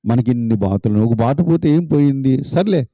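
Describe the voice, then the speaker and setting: A man's voice: mid-range voice, lively intonation, moderate pace, dry recording, highs cut off, lightly acted. A man voicing a kind father who questions and then comforts his crying son in a retold story. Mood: comforting. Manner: coaxing, questioning. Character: kind worried middle-aged father.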